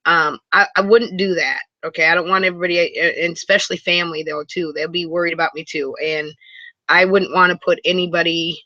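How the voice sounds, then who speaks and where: A woman from Wisconsin chatting live with viewers from inside her motor home. She rambles and restarts often and gets excited easily. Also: on the low side, fairly quick, no room sound, lo-fi sound. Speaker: live stream host. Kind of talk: casual live chat with viewers. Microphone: computer mic for a video hangout.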